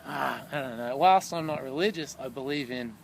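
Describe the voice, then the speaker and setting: A man's voice: medium pitch, moderate pace, vocal fry. A tired man, a solo runner, recording a rambling, thoughtful video diary outdoors by a road. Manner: rambling, thoughtful, lots of fillers. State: tired after a long run. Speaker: solo long-distance runner vlogging. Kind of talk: casual reflective video diary. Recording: loud traffic noise outdoors.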